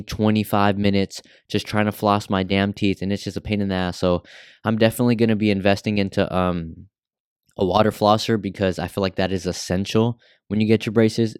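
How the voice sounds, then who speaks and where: Smooth low-voiced young American man with braces. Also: a little mellow, no echo, clean studio sound. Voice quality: talking with newly fitted braces. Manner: slangy, swearing, rambling. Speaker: podcast host. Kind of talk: casual solo podcast chat.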